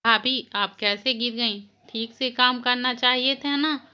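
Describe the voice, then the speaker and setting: A woman's voice: a little high, takes it slowly, sharp tone, clean tone, voice pushed up, heavily acted. A woman voicing a protective young brother-in-law who speaks indignantly.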